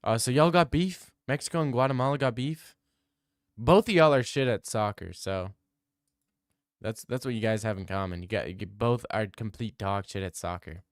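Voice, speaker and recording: A young man live-streams from home on a desk mic, his voice fairly low-pitched at a normal speed. He banters loosely and profanely with his chat, swearing freely, reading messages aloud and riffing on them. The sound is clean and studio-like with no room sound.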